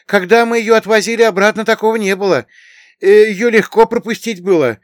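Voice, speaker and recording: Man doing a loud, high-pitched village lad. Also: brisk, no room sound, clean studio sound, close to an everyday voice. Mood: wary. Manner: raised, excited, loud delivery.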